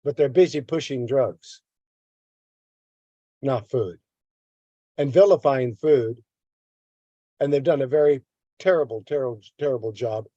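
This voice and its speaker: A man's voice: medium pitch, unhurried, pauses often, warm tone, dry recording, lo-fi sound. An older man giving a health lesson, reading a text aloud and breaking off into rants, stumbling and repeating words as he goes. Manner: repeats words, rants at length against a government agency. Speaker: health educator. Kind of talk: reading a text and adding comments.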